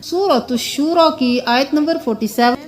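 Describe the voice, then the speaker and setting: A woman teaching Quran recitation, patiently explaining the rules and spelling words out slowly, letter by letter. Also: high voice. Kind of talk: Quran reading lesson.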